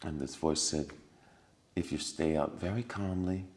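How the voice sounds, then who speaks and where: Speaking in a low-pitched, unhurried way, a man on a podcast casually recounts something from his own life. He plays out the scenes with sound effects and laughter and goes hushed when quoting remembered lines.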